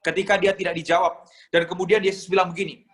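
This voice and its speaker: A man's voice: high-pitched, flat delivery, quick pace, fairly bright tone, a little hiss or hum. A young man from Indonesia preaching a sermon, telling stories with strong emotion and acting out pleading voices. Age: young adult. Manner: emotional, dramatic storytelling, acts out pleading voices. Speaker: pastor.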